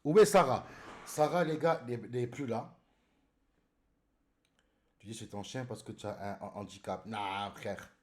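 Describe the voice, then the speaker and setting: A man's voice: fairly low pitch, animated, a little slow, long pauses. A man streaming live in casual chat, greeting viewers by name and calling them brother.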